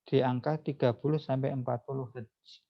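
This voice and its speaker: A man giving a psychologist's webinar lecture over a video call, his voice at an ordinary middle pitch. He keeps putting rhetorical questions to his listeners and addresses them formally. The audio is dull and lo-fi. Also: fairly even intonation, normal speed, vocal fry. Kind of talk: online seminar talk.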